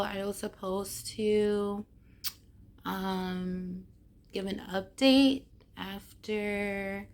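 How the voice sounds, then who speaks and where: A woman with a hoarse voice chats casually to camera, giving a personal update and often trailing off as she searches for words. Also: mid-range voice. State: hoarse after neck surgery. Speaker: vlogger giving a health update.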